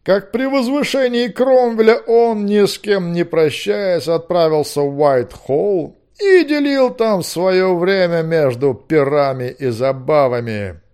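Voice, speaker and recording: A man reading an audiobook, voicing a gruff, bloodthirsty older male professor who booms his lines. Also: animated, takes it slowly, hardly any pauses, a little mellow. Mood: grumbling. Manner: booming, gruff. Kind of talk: audiobook character voice.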